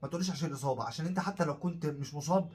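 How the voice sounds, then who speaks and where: A man with an Egyptian Arabic accent, co-hosting a casual football talk show, blunt and critical in quick bursts. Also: fairly high pitch, darkish tone. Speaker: co-host of a football talk channel.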